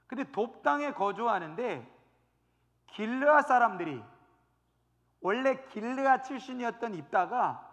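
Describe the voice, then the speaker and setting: A male pastor teaching a Bible study sermon, telling the story in a lively way with lots of rhetorical questions and acted-out scenes. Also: high-pitched, in a large hall. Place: church sanctuary.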